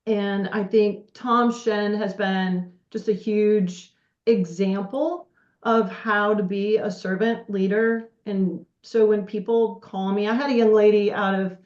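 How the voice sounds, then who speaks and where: A middle-aged woman guest on a podcast, chatting casually and telling stories in an animated way. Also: medium pitch, takes it slowly, roomy sound, highs cut off. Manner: chatty, storytelling, animated quoting. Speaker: podcast guest, partnerships director. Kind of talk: casual conversational chat.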